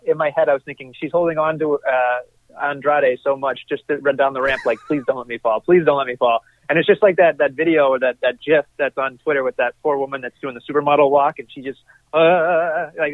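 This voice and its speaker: Male podcast co-host, rapid casual chat, dry phone-like recording. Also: fairly high pitch, no room sound. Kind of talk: casual wrestling fan banter. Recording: tinny phone-like remote line, dry.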